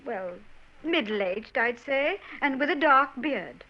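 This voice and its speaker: In a 1940s radio drama heard through a dull old broadcast, an actress plays an earnest young Victorian woman, speaking hesitantly and genteelly with a worried air. Her voice is high, expressive and exaggerated, and she takes her time.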